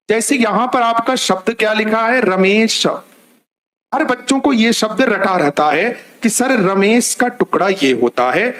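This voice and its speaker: A man with a bright, high voice runs an online grammar class. He moves through the material step by step, asks questions and answers them himself, and repeats the key points, speaking to his listeners as if they were children. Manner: explains step by step with rhetorical questions and repetition. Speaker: teacher.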